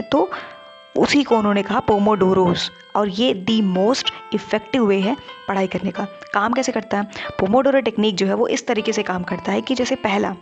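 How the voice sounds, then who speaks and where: A woman narrating an animated study-tips explainer, talking to viewers in a chatty teaching manner. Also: medium pitch, creaky, highs cut off. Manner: conversational teaching, addresses viewers directly.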